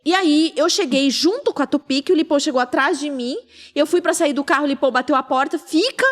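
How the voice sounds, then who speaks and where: A woman's voice: high-pitched, fast. A woman in her thirties hosting a podcast, telling a personal story with feeling and acting out the lines of others. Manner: emotional storytelling, acts out quoted speech. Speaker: podcast host. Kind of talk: casual podcast chat.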